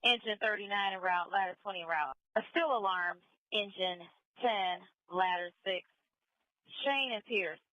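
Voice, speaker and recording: A woman's voice: medium pitch, unhurried, dry recording. A woman working as a fire dispatcher on urgent firefighter radio, repeating back reports in clipped, procedural phrases. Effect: two-way radio. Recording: dull lo-fi radio audio.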